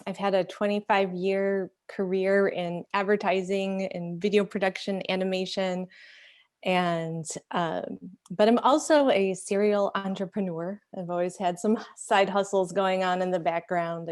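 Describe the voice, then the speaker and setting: Chicago woman on a video call, friendly and steady, mid voice. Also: medium pitch, measured pace. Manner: friendly and steady, self-introducing. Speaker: guest, deck co-creator. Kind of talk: casual video-call interview.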